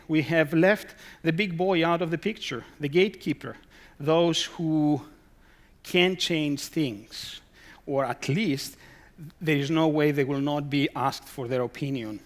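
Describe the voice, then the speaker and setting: Guy presenting at a conference, reads out his slide titles, throws rhetorical questions and dry little asides at the room, middle-aged. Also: a little high. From Greece. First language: Greek. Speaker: conference speaker.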